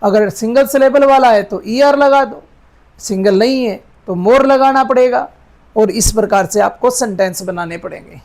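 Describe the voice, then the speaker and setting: A man teaching an English grammar lesson, patiently dictating words slowly and checking that his students follow. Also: extremely high pitch, a little mellow. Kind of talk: Hindi-medium grammar lesson.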